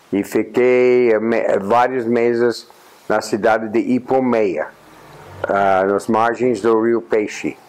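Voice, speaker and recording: An octogenarian American journalist and honorary consul, a native English speaker, sits for a reflective interview in a plain room indoors. He has a mid-range, darkish voice and an unhurried manner, frequently pausing with "ah" and restarting.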